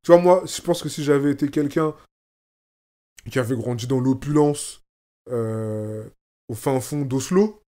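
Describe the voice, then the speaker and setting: The speaker is a rapper from France, now living in Oslo, talking casually as a guest and repeating phrases for emphasis. He has a dark-toned, mid-range voice and speaks unhurriedly, leaving long pauses.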